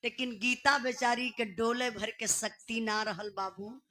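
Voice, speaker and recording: Bhojpuri woman folk balladeer, high bright voice, slow dramatic tearful storytelling, birha style. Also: steady tone. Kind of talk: sung and spoken folk ballad narration.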